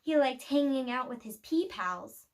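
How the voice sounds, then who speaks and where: Reading a children's storybook aloud, a high-voiced woman tells the tale expressively. She pauses deliberately as she goes through the picture book.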